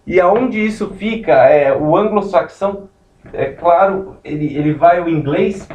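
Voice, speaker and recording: A man's voice: on the high side, unhurried, a little mellow, a little hiss or hum. A man giving a law lecture, explaining step by step with many digressions as he writes on a board. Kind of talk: recorded classroom lecture. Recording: roomy, distant, muffled lecture recording.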